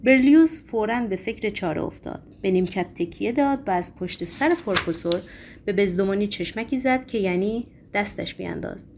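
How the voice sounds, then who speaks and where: A woman narrating an audiobook in a steady, measured storytelling manner. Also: mid-range voice, slight background noise.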